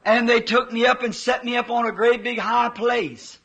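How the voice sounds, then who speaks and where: Fervent preacher man, slow and bright. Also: extremely high pitch, flat delivery, slightly rough, rough recording. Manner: fervent storytelling with folksy grammar. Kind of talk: sermon recounting a vision.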